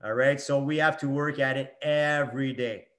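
A man's voice: mid-range voice, steady tone, moderate pace, a bit bright. Give me a middle-aged male hockey coach breaking down game video in short, punchy, repeated phrases. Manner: short emphatic phrases, repeats key points. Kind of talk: coaching talk over game video clips.

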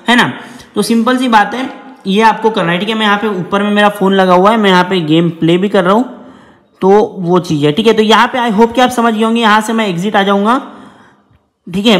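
Fast, bright-voiced man in an echoey room. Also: sits high. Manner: fast, chatty, calls viewers brother. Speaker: app reviewer. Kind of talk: screen-recorded app walkthrough. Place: indoor room, table with phone. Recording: echoey room with long reverb.

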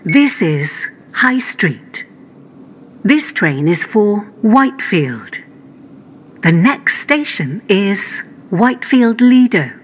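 A woman's voice: sing-song, slow pace, breathy edge. A woman's recorded train announcements, with the words spliced together into evenly paced phrases that have uneven joins. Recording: train announcement with loud rumble. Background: train running noise.

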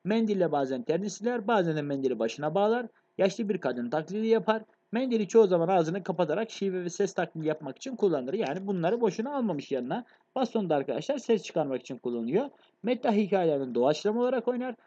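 A man gives a rapid exam review lecture, with a mellow tone and a voice pitched a bit high. He keeps turning to his students and checking that they are following. The recording is dull and lo-fi. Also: lively intonation. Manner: fast, addresses students as friends, frequent checks. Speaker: literature teacher.

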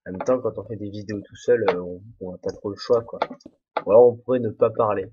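A man's voice: lowish voice, steady tone, fast, dark tone, slightly rough. A young man, the host of a game let's play, rambling to himself and joking at his own expense while playing. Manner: rambling, self-mocking, talks to himself. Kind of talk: casual solo gameplay commentary. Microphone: desk microphone, no headphones. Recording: dull, muffled home recording.

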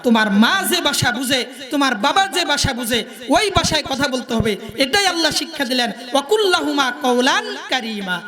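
A man's voice: very high-pitched, animated, normal speed, long reverb tail. A man preaching a sermon in a Jamalpur Bengali accent, in a singsong delivery that keeps quizzing the crowd.

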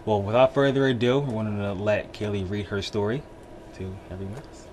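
A man's voice: fairly low pitch, fairly even intonation, a little fast, darkish tone, slight background noise. A man hosting a children's reading show, introducing the next young reader in an upbeat, reassuring way. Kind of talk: encouraging introduction.

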